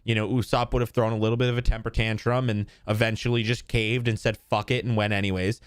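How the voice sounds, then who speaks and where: A man's voice: fairly low pitch, flat delivery, fast talker, clear, resonant tone, no room sound, clean studio sound. A man reacting on a live stream, chatting casually and rambling, with frequent laughs and swearing.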